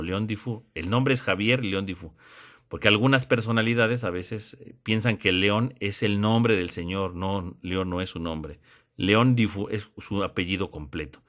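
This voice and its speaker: Low-voiced man explaining patiently. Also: fairly bright tone. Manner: explanatory, repeats points with tag questions. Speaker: theology teacher. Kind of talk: classroom lesson.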